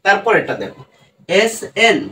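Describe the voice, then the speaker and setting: A man's voice: high voice, expressive, moderate pace, pushed and bright, recorded from a distance, slight background noise, low-quality recording. A man with a Bangladeshi accent teaching phonics, who asks questions and answers them himself, saying each sound over again. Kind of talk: spoken phonics lesson.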